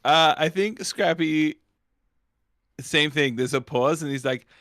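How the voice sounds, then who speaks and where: A man's voice: on the high side, slow, a bit bright, no room sound, studio quality. A man chatting casually as a player in a tabletop role-playing game.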